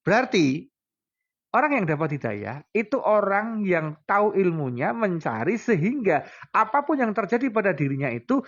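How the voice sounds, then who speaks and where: Man, Javanese accent, preacher, high voice, lively storytelling, dull lo-fi recording. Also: normal speed. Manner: animated storytelling, acts out pleading prayers and quotes. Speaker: Islamic preacher. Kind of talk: casual religious talk.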